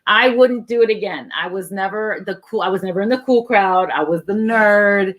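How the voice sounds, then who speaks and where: A woman co-hosting a faith talk, telling a personal story in a relaxed conversational way and acting out the lines of the people in it. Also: medium pitch, normal speed. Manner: earnest, acts out quoted dialogue, laughs easily. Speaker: co-host sharing her testimony.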